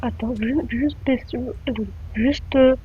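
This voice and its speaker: A woman giving excitable gameplay commentary as a streamer, full of sudden exclamations. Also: sits high, slow pace, slight background noise. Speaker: gaming streamer. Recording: dull lo-fi mic.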